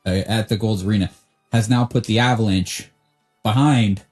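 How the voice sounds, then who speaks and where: A man's voice: fairly low pitch, fairly even intonation, moderate pace, a little mellow, faint music behind. A man co-hosting a casual sports podcast, talking in rambling bursts and restarting his sentences. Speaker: podcast co-host.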